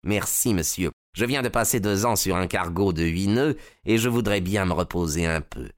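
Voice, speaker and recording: Man voicing a sly old sailor, low gravelly-dark tone, dry close sound, audiobook. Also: normal speed, no echo, close to an everyday voice. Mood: sly, insinuating. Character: shabby old male sailor, sly and sinister.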